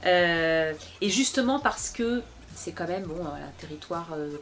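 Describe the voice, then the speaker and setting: A woman's voice: fairly low pitch, animated, measured pace, fairly bright tone. A woman in a TV studio interview, talking through her career in a chatty, self-mocking way with frequent hesitations. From Bobigny, France. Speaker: interviewee, singer and actress. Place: local TV studio.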